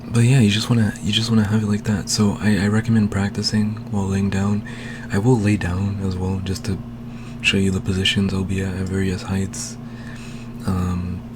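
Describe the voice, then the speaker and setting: Low, flat-voiced man explaining slowly. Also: background noise. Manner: slow, unhurried, talking while demonstrating. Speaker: language learning vlogger. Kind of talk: casual spoken tutorial. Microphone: home desk microphone.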